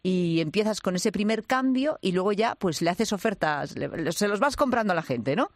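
High-voiced eager male interviewer. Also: animated, normal speed, no room sound, clean studio sound. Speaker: radio interviewer. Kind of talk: interview questions.

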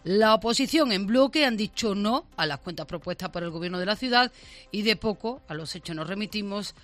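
Female radio newsreader, brisk and bright. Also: medium pitch, animated. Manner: brisk, conversational news delivery. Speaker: radio news presenter. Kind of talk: radio news bulletin. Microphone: studio microphone.

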